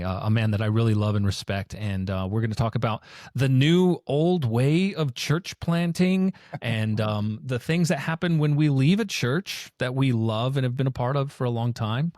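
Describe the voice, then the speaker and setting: A man's voice: mid-range voice, darkish tone, dry recording, clean studio sound. A young man hosting a podcast, chatting casually with lots of fillers and restarts. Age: young adult. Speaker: podcast host. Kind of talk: casual interview chat.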